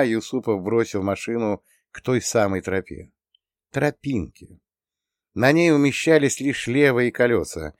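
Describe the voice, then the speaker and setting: Casual reading: man narrating a first-person adventure, low voice, dry sound. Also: dry recording. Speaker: audiobook narrator. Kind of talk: scripted narration.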